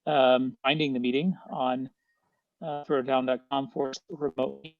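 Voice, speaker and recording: A man chairing a remote town committee meeting over a video call. His audio breaks up and drops out as he talks haltingly, with many fillers and restarts. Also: medium pitch, little pitch movement, no room sound, narrow, tinny audio. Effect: internet call audio breaking up and dropping out. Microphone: computer mic on a video call.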